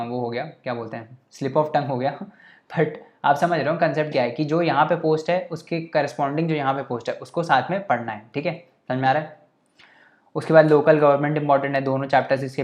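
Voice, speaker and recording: A man's voice: medium pitch, muffled recording. A man giving a casual coaching lecture for exam prep, talking conversationally, mixing in English terms and often checking that listeners follow. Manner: mixes English terms into Hindi.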